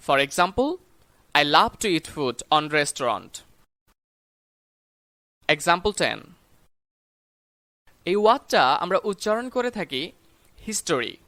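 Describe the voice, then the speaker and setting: An English teacher gives a pronunciation lesson, saying each example word slowly and carefully. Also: mid-range voice, a bit bright, no room sound. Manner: slow, carefully spelled-out example words.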